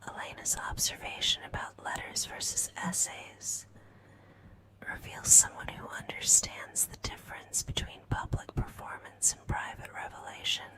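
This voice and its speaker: A woman narrating a scripted story as ASMR in a breathy whisper, with measured phrasing and pauses. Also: low-quality recording.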